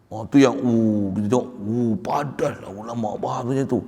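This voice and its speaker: A man with a Malaysian Malay accent giving a morning religious lecture, talking in a conversational, animated way with storytelling asides. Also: medium pitch, moderate pace, creaky. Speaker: religious teacher. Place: mosque or religious school hall. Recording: long hall reverb.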